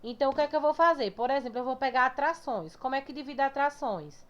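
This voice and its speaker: A woman teacher explaining a grammar lesson step by step to her pupils, often checking understanding with short tag questions and slowly drawing out words as she sounds out their syllables. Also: sits high, expressive. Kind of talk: recorded remote class lesson. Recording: dull lo-fi recording.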